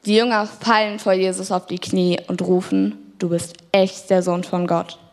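A woman reads a Bible passage to a gathering, her voice sitting at a middling pitch. She keeps a plain, even storytelling tone throughout. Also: moderate pace. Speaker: scripture reader. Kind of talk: reading a Bible story aloud.

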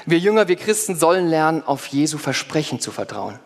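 A man preaching a sermon in first person as one of the apostles, lively, with playful asides to his congregation. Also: a little high, fairly quick, vocal fry. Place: church hall before a congregation. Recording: long hall reverb.

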